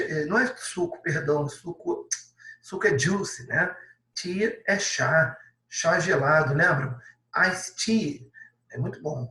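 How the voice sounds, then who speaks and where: Patient Brazilian teacher in an echoey room. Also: male voice, on the high side, bright, forceful tone, distant mic. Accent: Brazilian Portuguese. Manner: patient, explains step by step, adds many tag questions. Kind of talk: classroom lesson correction.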